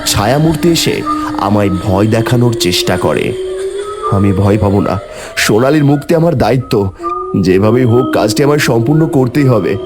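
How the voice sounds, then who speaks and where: In a horror cartoon, a man voices a lively, determined young hero, brave and earnest, who is seeking his dead lover, delivering both narration and dialogue in dramatic first person. His voice is on the low side at a moderate pace, lightly acted, with music underneath.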